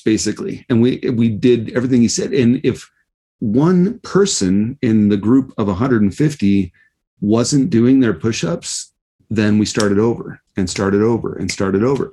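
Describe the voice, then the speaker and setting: A man hosting a casual interview, talking in a halting, reflective way with many restarts. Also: fairly low pitch, warm tone. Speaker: podcast host.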